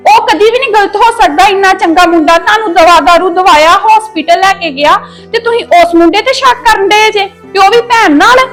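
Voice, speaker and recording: A woman's voice: very high-pitched, brisk, faint music behind. A young woman playing a loyal younger daughter who earnestly pleads with her father for her sister. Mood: pleading. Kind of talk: domestic drama acting.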